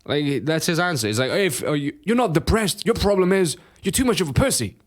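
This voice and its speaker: A young Romanian podcast co-host with a slightly high, brisk voice keeps the casual chat lively, cursing often and laughing plenty along the way.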